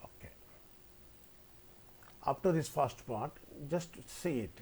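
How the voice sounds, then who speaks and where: Man lecturing, pitch swinging widely. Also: lively intonation, takes it slowly, dark tone, breathy edge. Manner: repeats phrases as he explains. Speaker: maths lecturer teaching software coding. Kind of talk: spoken tutorial lecture.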